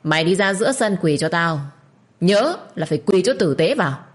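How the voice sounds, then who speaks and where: A woman voicing a domineering, bad-tempered old male patriarch who shouts threats. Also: on the low side, expressive, normal speed. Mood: commanding.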